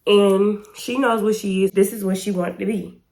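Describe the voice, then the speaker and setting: This YouTube storytime vlogger is an American woman in her 20s whose voice is a little hoarse and congested from pollen. Chatty, slangy and emphatic, she speaks to camera at normal speed with a medium, slightly mellow pitch and fairly even intonation. The recording is rough.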